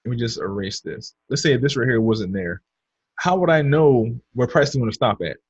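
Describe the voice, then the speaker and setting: A man's voice: mid-range voice, lively intonation, moderate pace, slightly rough, no echo, highs cut off. A man teaching trading on a screen share in a casual, chatty way, talking to his viewers and muttering to himself as he draws. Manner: chatty, addresses viewers as "you guys", talks to himself while drawing. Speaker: trading instructor.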